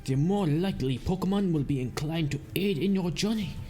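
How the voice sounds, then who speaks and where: A man's voice: fairly high pitch, brisk, mellow, soft background music, pitched above the performer's own voice, lightly acted. A man voicing a genial, formal male ship captain in a put-on accent while reading game dialogue aloud. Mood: welcoming formal. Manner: formal, teasing, welcoming.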